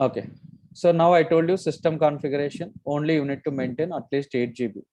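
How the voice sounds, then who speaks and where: A man with a Telugu accent giving an informal live online software lesson, explaining step by step and often checking in with "okay". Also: on the high side, quick pace, no echo. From Telugu-speaking region of India. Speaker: software trainer.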